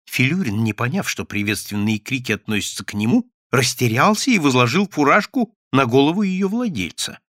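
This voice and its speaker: Expressive man reading a classic novel. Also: mid-range voice, fairly quick, few pauses, no room sound, studio quality. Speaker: audiobook narrator.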